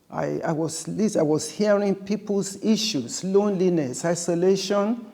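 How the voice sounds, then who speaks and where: Slow measured man in a reverberant hall. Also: high voice, warm tone. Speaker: former nurse and midwife, church outreach founder. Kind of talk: interview storytelling.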